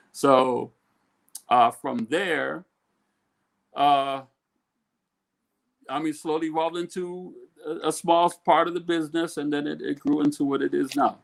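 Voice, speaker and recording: A man's voice: a little high, steady tone, slow pace, vocal fry, long pauses. A middle-aged man from Ethiopia, a guest on an interview, talking casually and rambling with many restarts. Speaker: guest, food company co-owner.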